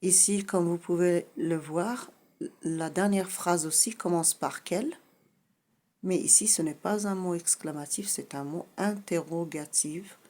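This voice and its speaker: Teacher type: middle-aged woman, low voice, slow and patient, explains step by step. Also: darkish tone. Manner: patient, repeats key points, says "voilà" often. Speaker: French teacher.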